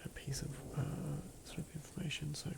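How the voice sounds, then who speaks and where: A fairly high, gravelly voice belongs to a southern Australian man who whispers in a rambling, musing ASMR manner while putting together a game character. His tone stays level and his speed normal, with ambient noise in the background.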